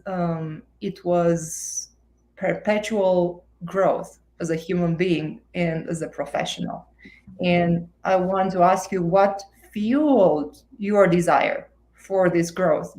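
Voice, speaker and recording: A woman from Romania, hosting an online book event on a video call in a halting way with many fillers. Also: lowish voice, darkish tone. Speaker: host.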